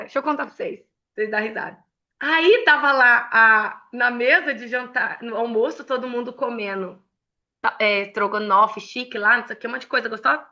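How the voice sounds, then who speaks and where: Bright-voiced Brazilian woman, emotional storyteller. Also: on the high side, highs cut off. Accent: Brazilian Portuguese. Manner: emotional and expressive, laughs often. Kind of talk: casual mentoring talk with personal stories.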